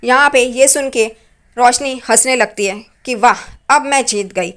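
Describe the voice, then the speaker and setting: High-voiced woman casually retelling a serial. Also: a little slow, fairly bright tone. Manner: chatty, loose storytelling with repeated "here" fillers. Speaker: serial recap narrator.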